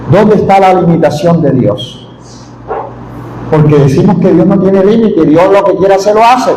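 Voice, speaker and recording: A man preaching a sermon in a church, impassioned and repetitive, bursting into shouts. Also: high voice. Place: church service hall. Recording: echoey church hall with faint noise.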